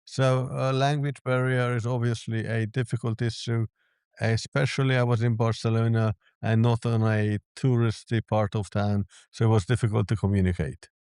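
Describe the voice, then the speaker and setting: Guy being interviewed, smooth clear voice, dry sound, calm explaining. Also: medium pitch, moderate pace, no echo. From Hungary. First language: Hungarian. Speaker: app developer, guest. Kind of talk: interview answers.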